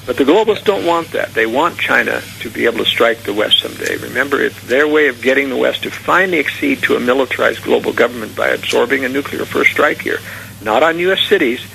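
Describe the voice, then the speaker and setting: A man's voice: mid-range voice, quick pace, gravelly, sharp tone, a little hiss or hum, low-quality recording. A man speaking as a radio talk show guest, giving earnest, conspiratorial political warnings in long, unscripted explanations. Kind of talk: unscripted political interview commentary.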